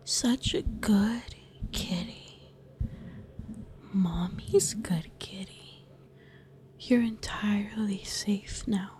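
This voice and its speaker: A woman whispering softly in a soothing, doting ASMR roleplay. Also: medium pitch, extremely slow, long pauses.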